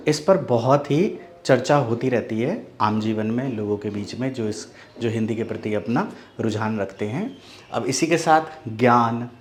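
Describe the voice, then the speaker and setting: Man teaching Hindi pronunciation. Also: mid-range voice. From Mithila region, India. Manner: explains step by step, often asks "do you follow?" and repeats "ठीक है"; says example sounds and words slowly and repeats them. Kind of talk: online video lesson.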